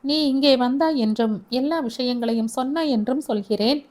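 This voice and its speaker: A woman voicing a caring young man who speaks softly and coaxingly in an audio story. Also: high voice, moderate pace, natural voice. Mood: firm. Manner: soft, coaxing.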